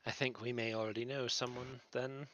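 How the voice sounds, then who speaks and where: A man playing in a tabletop game, who lays out plans in a measured way. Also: mid-range voice, level tone, fairly bright tone, no echo, muffled recording. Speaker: player. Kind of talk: tabletop role-play chat.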